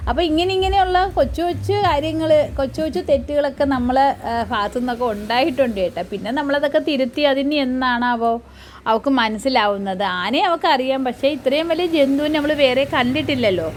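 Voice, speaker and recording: A fairly high-voiced woman speaks a relaxed home-made vlog voice-over. She talks in an easy, chatty way and keeps turning to her listeners to check they are following. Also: quick pace, a little hiss or hum. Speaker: vlogger and mother. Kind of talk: casual voice-over narration.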